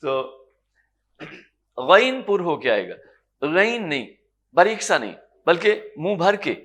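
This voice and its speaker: A man with a Pakistani Urdu accent and a somewhat high voice teaches a tajweed lesson in a lecture room. He explains patiently and stretches out each Arabic letter slowly and loudly. His manner stays calm and encouraging. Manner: sounds out Arabic letters slowly, drawn-out and loud. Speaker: Quran recitation teacher.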